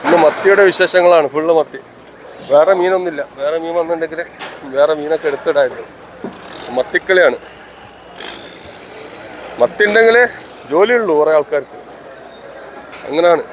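At a busy outdoor fishing harbour, a man with a Kozhikode Malayalam accent gives casual, repetitive commentary for a video, calling out to workers. His voice is on the high side and brisk, with long pauses, and harbour and vehicle noise fill the noisy recording.

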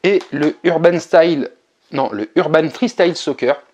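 Chatty man, slightly high voice. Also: unhurried, highs cut off, a little hiss or hum. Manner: relaxed, chatty, with hesitations. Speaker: video game collector vlogger. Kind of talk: casual vlog narration.

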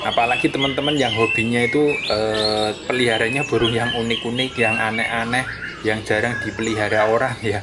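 With a medium pitch, fairly even intonation and a fairly quick pace, a man explains things in a casual bird-keeping vlog shot on his phone outdoors by bird cages on paving. He stays friendly and chatty, repeating "friends" with a falling tail, and there is clear background noise in the phone audio.

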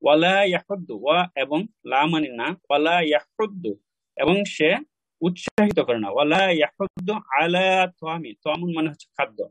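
A man teaches recitation in a slightly raised voice. He patiently repeats each sound slowly for his learners. The recording is dry and close, with no room sound. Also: on the high side, no echo, rough recording. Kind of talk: online class instruction.

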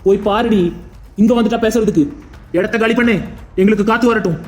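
A woman voicing a sharp-tongued young woman who scolds and sends away a rival. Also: a little high, fairly even intonation, natural voice. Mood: scolding. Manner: rapid, scolding. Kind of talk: cartoon voice acting.

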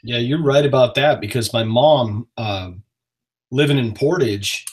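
A man from northern Maine hosting a casual live-stream chat over a webcam from a small home office, talking in a relaxed, friendly way with frequent pauses. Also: medium pitch. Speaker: host. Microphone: webcam on a video call.

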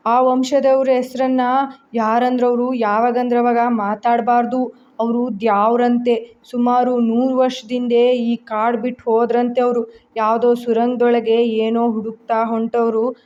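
A woman's voice: a little high, a little mellow, dull audio, close to an everyday voice. A woman doing a rustic forest girl. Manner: rustic village dialect speech.

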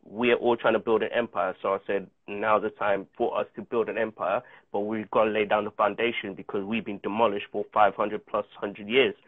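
Speaking fairly fast in a lowish, level voice, this South African man in his thirties, whose first language is Chichewa, is a guest actor on a casual video-call interview from his home. His storytelling is sincere and thoughtful, full of restarts. With no room sound, the earphone mic makes the call audio thin, dry and phone-like.

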